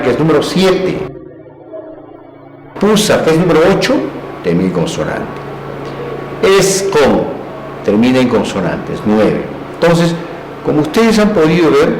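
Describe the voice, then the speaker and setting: A man giving a lecture on language, explaining step by step and often checking in with his listeners. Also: medium pitch. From Peru. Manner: explanatory, with frequent "¿no?" and "entonces". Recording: echoey room, faint background hiss.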